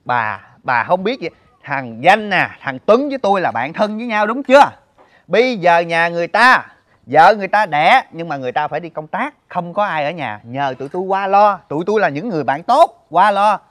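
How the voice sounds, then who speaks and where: A man's voice: sits high, lively intonation, fairly quick, fairly bright tone, no room sound. A man playing a flustered friend in a stage comedy sketch, defensive and pleading.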